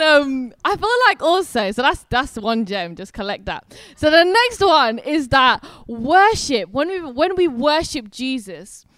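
High-voiced woman preaching casually. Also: a bit bright, no echo. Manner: earnest, conversational with many fillers. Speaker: worship speaker. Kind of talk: informal preaching.

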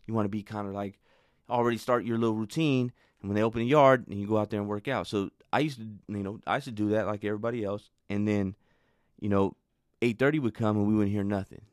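A man with a fairly low voice talks in a loose storytelling way, padding his sentences with fillers. He grows animated when he recounts something that annoyed him. The recording is dry, with little room sound. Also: quick pace, no room sound. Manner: rambling, filler-heavy, conversational. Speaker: show host. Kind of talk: casual storytelling talk.

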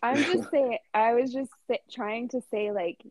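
A woman's voice: a little high, normal speed, darkish tone, no echo. A woman hosting a casual podcast chat, giggly and full of "like" and "oh my God". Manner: chatty, giggly, lots of "like" and "oh my God". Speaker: podcast host.

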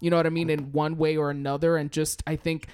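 A man's voice: fairly high pitch, level tone, fast, a little mellow, clean tone. A young adult man hosting a casual faith-themed chat, easygoing and full of "you know" fillers. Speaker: podcast host.

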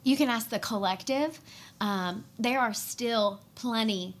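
A young adult woman, a worship leader and pastor's wife, earnestly and emotionally recounting her faith journey in conversation, pausing often with "um". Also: a little high. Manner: earnest and emotional, with frequent "um" pauses. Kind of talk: personal storytelling in conversation.

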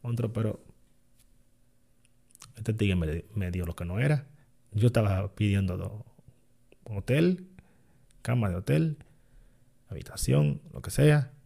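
A man's voice: fairly low pitch, measured pace, gravelly, pauses often, mellow. A man, an online seller talking to his channel in a casual, rambling way that often stops to correct himself. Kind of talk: casual vlog monologue.

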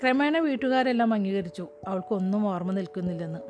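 A woman narrating a humorous short story in a steady, wry storytelling manner. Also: mid-range voice, fast talker, highs cut off. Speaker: story reader. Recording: music playing behind.

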